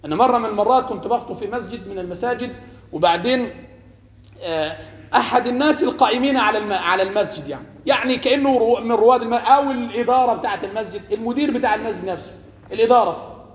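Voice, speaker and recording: A man's voice: very high voice, very fast. A man with an Egyptian Arabic accent, a sheikh giving a religious lesson, asking his listeners rhetorical questions and mixing formal and colloquial speech. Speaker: sheikh and preacher. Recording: echoey hall with long reverb.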